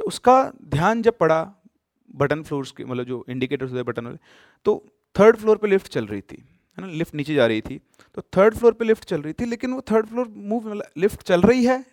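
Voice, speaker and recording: A man casually telling a horror story, with emphatic bursts and sudden hushed drops. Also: high-pitched, no echo, studio quality.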